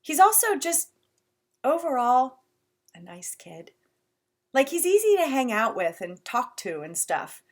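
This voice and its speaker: A woman narrating a story in the first person with a casual, conversational delivery. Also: fairly high pitch. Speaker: audiobook reader.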